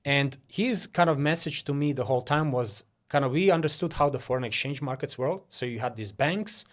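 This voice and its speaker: A man's voice: medium pitch, brisk. Chatty Croatian-born man, interview guest. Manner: chatty, many fillers and restarts. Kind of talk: casual interview talk.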